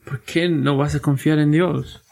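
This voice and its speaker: A man's voice: a little high, steady tone, unhurried, creaky, a little mellow. A man preaching a sermon to his church, earnest and emphatic, with frequent restarts and repeated rhetorical questions. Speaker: pastor.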